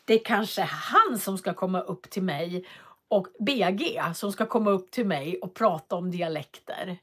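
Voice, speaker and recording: A woman's voice: medium pitch, lively intonation, slightly rough. A woman hosting a casual livestream from her home office, chatting and reading out viewer comments with frequent hesitations. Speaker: livestream host.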